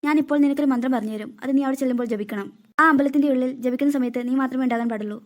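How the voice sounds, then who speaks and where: A cartoon snake queen disguised in human form, played by a woman speaks in a high voice at a rapid clip. She is gentle and motherly with lost children but guards her secret. Her lines come out quick and bright. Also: close to an everyday voice. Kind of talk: cartoon voice acting.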